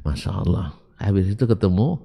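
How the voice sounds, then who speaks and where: Lively preacher man in a reverberant hall. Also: low voice, brisk, vocal fry. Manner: animated, joking with the audience, rhetorical questions. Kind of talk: Islamic sermon.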